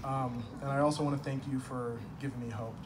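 A man's voice: mid-range voice, steady tone, brisk. A young man giving a humorous best-man toast at a night-time garden wedding reception, telling stories in a wry, self-deprecating way and landing punchlines. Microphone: far camera across the lawn. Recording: distant phone video with ambient noise.

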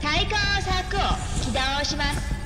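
A woman voicing a stern security system in a video game, giving flat, clipped alert announcements over a facility loudspeaker. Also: sits high, normal speed, roomy sound. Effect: public-address security announcement. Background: loud game music.

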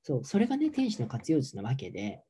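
A man's voice: mid-range voice, wildly swooping pitch, a little fast, warm tone, slightly rough. A middle-aged man, a yoga teacher, giving a campy, chatty, teasing livestream talk and reading viewer comments aloud.

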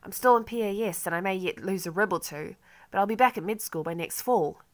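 A woman's voice: medium pitch, a little fast, lightly acted. A woman reading an earnest young man. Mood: hurried. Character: earnest young male medical student, ill. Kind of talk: audiobook dialogue.

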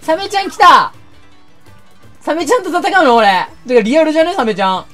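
Excitable woman streamer type, higher voice, swings in pitch constantly, shouts reactions at the game while chatting to viewers. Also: a little fast, faint music behind. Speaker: gaming YouTuber. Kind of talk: game commentary.

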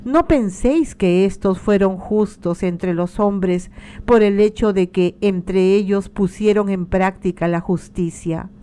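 A woman reading a devotional text aloud in a calm, measured, solemn way. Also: mid-range voice, smooth. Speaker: liturgical reader.

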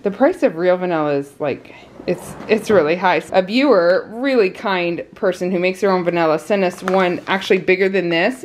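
A woman's voice: medium pitch, slight background noise. A woman in her thirties from the United States, a mother of a large family who chats and laughs often while showing her grocery haul at home. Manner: chatty, laughs often, talks while handling items. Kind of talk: casual grocery haul vlog. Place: indoors at home, kitchen.

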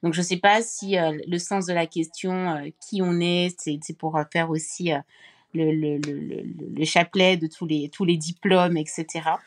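Woman guest from Cameroon, low-leaning voice, thoughtful and halting in relaxed interview talk. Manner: thoughtful, many hesitations and restarts. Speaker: podcast guest.

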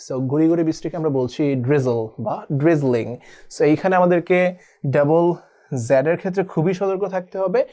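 A man's voice: on the high side, mellow. A man teaching a spelling lesson who mixes English words into his talk and spells words out letter by letter. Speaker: online spelling tutor.

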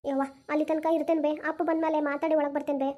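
A woman's voice: sits high, level tone, rapid-fire, dark tone, lightly acted. A woman doing a tearful pleading young daughter. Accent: North Karnataka Kannada. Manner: pleading, whimpering. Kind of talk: cartoon voice acting.

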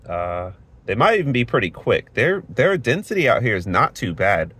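Very animated yet speaking at normal speed, a man with a sharp, slightly rough mid-range voice sits in a parked car and records with a handheld phone. The Floridian casually works through network speed tests, plainly explaining and reading the numbers on screen.

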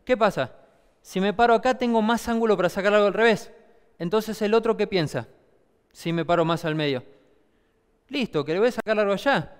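Argentine coach in a big echoing hall. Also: male voice, high-pitched, a little fast, pauses often, smooth. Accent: Argentine Spanish. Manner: explains with frequent rhetorical questions. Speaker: table tennis coach. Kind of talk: demonstration class.

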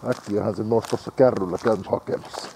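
A man's voice: fairly low pitch, fairly even intonation, gravelly, warm tone, a little hiss or hum. Swearing man on a dog walk. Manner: heavy swearing, muttering to himself and his dog. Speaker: vlogger. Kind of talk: rambling walk-and-talk monologue. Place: outdoors on a village road in winter.

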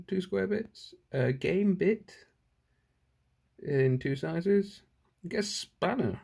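A man's voice: high-pitched, vocal fry, slightly rough. A man casually talking through an unboxing at home, thinking aloud and correcting himself as he goes, filmed one-handed on a handheld camera. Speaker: channel host. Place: at home indoors. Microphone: handheld phone camera, filming one-handed.

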